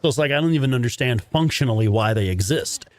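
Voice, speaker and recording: A man's voice: mid-range voice, lively intonation, fast, no echo. A man hosting a gaming livestream with casual, rambling commentary and some swearing. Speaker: livestream host playing a video game.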